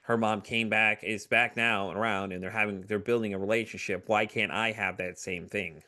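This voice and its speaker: A middle-aged man talking candidly as a podcast guest, animated, with frequent fillers and voices for people he quotes. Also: fairly low pitch, normal speed. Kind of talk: candid conversational storytelling.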